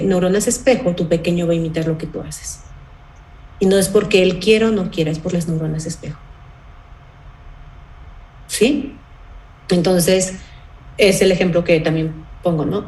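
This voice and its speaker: A woman's voice: fairly low pitch, moderate pace, a little mellow, echoey room, poor audio. A woman leading a parenting workshop, explaining patiently and often checking in with her listeners. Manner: explanatory, asks the audience rhetorical checks like "¿sí?" and "¿bien?".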